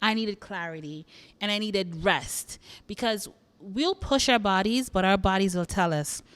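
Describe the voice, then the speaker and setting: Chatty woman host with a smooth voice. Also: medium pitch, unhurried, fairly bright tone, no echo. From Jamaica. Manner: chatty, laughing, repeating phrases for emphasis. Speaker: podcast host. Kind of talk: casual chat to listeners.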